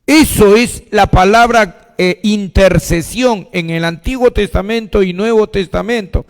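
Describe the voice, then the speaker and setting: A male pastor delivers a sermon in a voice that sits high for a man. He keeps throwing questions at his congregation and answering them himself. His words trail off into a long reverberant echo. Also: unhurried. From Peru.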